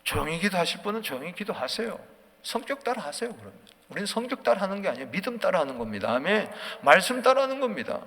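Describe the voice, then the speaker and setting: A man preaching at a dawn prayer service, swinging from quiet musing to loud, fervent calls. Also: high-pitched, big pitch swings, fast, vocal fry, breathy edge. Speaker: pastor. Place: church sanctuary. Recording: long church hall reverb.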